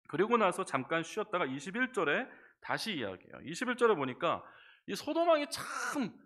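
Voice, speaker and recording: Male pastor, middle-aged, church sermon; chatty, questions the congregation, slightly high voice. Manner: lively, conversational preaching with questions to the congregation. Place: church sanctuary.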